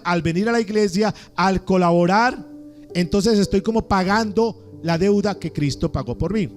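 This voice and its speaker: A man preaching a sermon as pastor, putting questions to his congregation. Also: high voice. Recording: faint music underneath.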